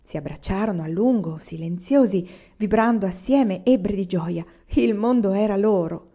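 A woman narrating a literary audiobook in a measured, expressive way, on a dull lo-fi recording. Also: mid-range voice. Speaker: audiobook reader.

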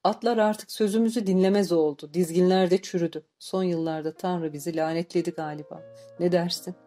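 A woman reading an audiobook voices a grieving, furious old grandfather who shouts and then laments in a choked voice. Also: on the low side, fairly even intonation, a little fast, soft background music, close to an everyday voice. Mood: lamenting.

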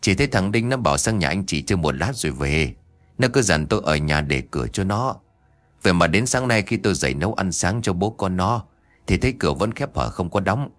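A man's voice: low-pitched, lively intonation, fairly quick, fairly bright tone, dry recording. A man voicing a worried middle-aged village mother in a spoken ghost story, pleading and tearful.

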